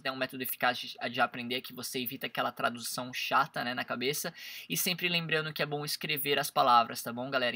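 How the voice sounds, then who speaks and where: Bright-voiced Brazilian teacher, chatty. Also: male voice, mid-range voice, dry recording. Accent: Brazilian Portuguese. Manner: chatty, lots of fillers, repeats words slowly for pronunciation. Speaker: English teacher. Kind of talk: casual vocabulary lesson.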